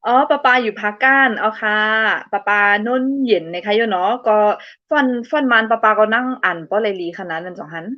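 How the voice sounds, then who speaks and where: A woman's voice: medium pitch, brisk, hardly any pauses, no echo, muffled recording. A young woman hosting a casual live stream, reading out viewer comments in a playful, giggly way. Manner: giggly and playful, laughs often between remarks.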